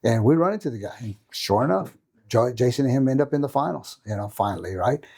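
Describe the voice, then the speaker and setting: A man's voice: medium pitch, lively intonation, fast, vocal fry, mellow, husky. A middle-aged man, a jiu-jitsu coach telling a long story as a podcast guest, tagging many sentences with questions. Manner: rambling anecdote with many tag questions.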